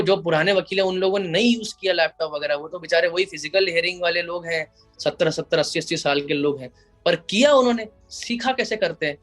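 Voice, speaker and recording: A man's voice: on the high side, a bit bright. A man who is an advocate, answering interview questions in an explanatory way and slipping English phrases into his Hindi. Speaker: advocate and IP lawyer.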